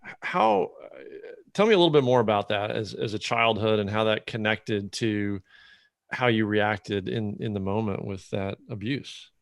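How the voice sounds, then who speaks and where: A man's voice: lowish voice, moderate pace, dry recording, studio quality. A man hosting a podcast, asking thoughtful questions with hesitant false starts. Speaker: podcast host. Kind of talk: interview questions.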